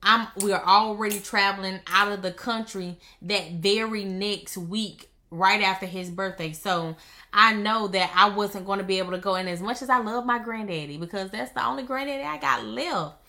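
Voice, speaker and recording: A woman's voice: mid-range voice, moderate pace, bright, forceful tone. A woman business coach chatting casually to her viewers on a live stream, emphatic and playful, with slangy talk and repeated phrases for effect. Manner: slangy, conversational delivery.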